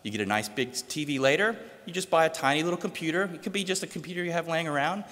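A man giving an enthusiastic, jokey tech pitch as a lightning talk at a conference. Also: fast talker, a bit bright. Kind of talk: short timed presentation to an audience. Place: conference hall. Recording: reverberant hall.

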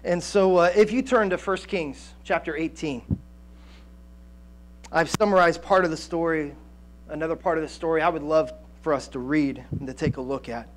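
A man in his thirties preaching a sermon on a church stage through a headset mic, animated, with frequent restarts and fillers. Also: fairly high pitch, moderate pace, a little hiss or hum. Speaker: pastor. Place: church stage with band gear, indoors.

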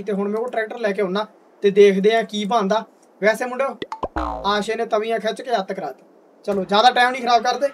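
Very high-pitched young man, hearty banter. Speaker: gaming video host. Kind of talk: casual gameplay commentary. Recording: distant mic, faint background noise.

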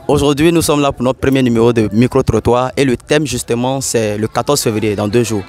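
A young man with a Togolese French accent presents street interviews to camera outdoors, holding a small mic at his mouth for a vox pop. His mid-range voice is fairly quick with a darkish tone.

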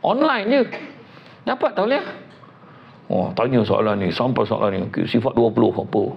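A middle-aged man with a Malaysian Malay accent giving a humorous motivational lecture in a library hall, animated and joking. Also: moderate pace, creaky. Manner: animated and joking, acts out quotes in high voices. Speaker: motivational preacher. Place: event hall at a public library. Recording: dull lo-fi live recording with background noise.

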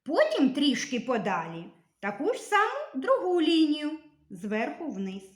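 A woman teaching a reading and writing lesson to young children, speaking slowly and clearly with encouragement. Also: high-pitched, huge pitch swings, reverberant. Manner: slow, clearly articulated, encouraging.

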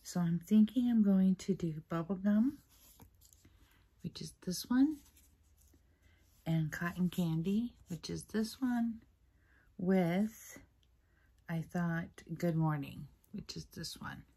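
Woman beauty vlogger, slow husky voice, half-whispered, camera mic, casual makeup chat. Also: fairly low pitch. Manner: soft, half-whispered, rambling and apologetic. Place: at her mother's place. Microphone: built-in camera mic, no separate mic.

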